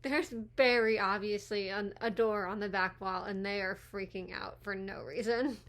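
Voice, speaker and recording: A woman's voice: medium pitch, fairly even intonation, moderate pace, gravelly, a bit bright, slight background noise. A woman in her twenties giving chatty, giggly movie commentary and going off on tangents, speaking around new retainers.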